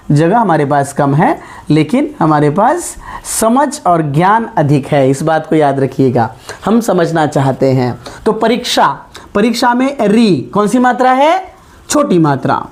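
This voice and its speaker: A woman's voice: mid-range voice, a little mellow. A woman teaching a grammar lesson, stretching out sounds and often checking that students follow. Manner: slow, drawn-out vowels, frequent check-ins. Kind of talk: classroom lesson at a board.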